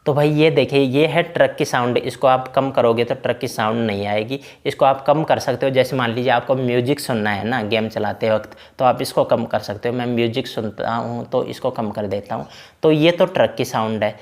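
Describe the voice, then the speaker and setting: A man's voice: mid-range voice, fairly quick. A man giving a casual, chatty walkthrough of a truck driving game's settings, talking the viewer through each option. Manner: chatty, repeats fillers like "na" and "bhai". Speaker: game tutorial creator. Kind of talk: casual screen-recorded game walkthrough.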